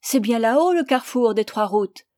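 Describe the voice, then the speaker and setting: A woman reader voicing a weary, naive sixteen-year-old peasant girl who talks in a high, loud, plaintive voice. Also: animated, moderate pace, dry recording, studio quality, close to an everyday voice. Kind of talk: audiobook character voice.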